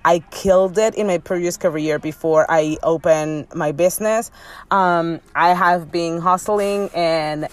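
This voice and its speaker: A woman with a Dominican accent and a slightly low voice hosts a motivational coaching podcast. She talks candidly and directly to her listeners in a conversational way. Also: steady tone, unhurried. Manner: conversational, direct address, with frequent y'all. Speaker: podcast host and business coach.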